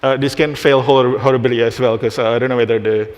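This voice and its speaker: On a conference stage, an Indonesian speaker with a mid-range voice and fairly even intonation runs a live technical demo. His delivery is halting, with phrases restarted along the way, all carried by hall reverb.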